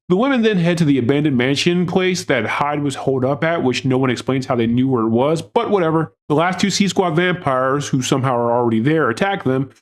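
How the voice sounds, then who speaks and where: Male recap host, voice a bit high, delivering scripted comic film narration with mocking sarcasm. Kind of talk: scripted comedic review narration.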